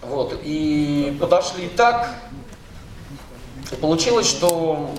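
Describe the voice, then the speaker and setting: A little high and animated yet slow, the voice belongs to a middle-aged dubbing director giving a casual, meandering seminar talk full of fillers and restarts. He holds a handheld mic on the stage of a large hall and is filmed from the audience. The audio is distant and echoey, with a little hiss or hum.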